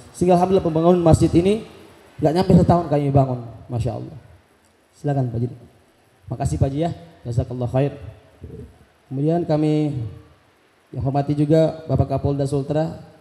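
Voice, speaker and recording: A fervent man welcomes guests at a ceremony and rouses the crowd with takbir chants. His voice sits a little high but sounds dark and mellow. It comes through a PA in a large mosque, with long, roomy reverb trailing behind it. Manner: fervent, leads takbir chants, retells dialogue animatedly. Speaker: Islamic boarding school leader welcoming guests. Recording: echoey PA sound in a big hall.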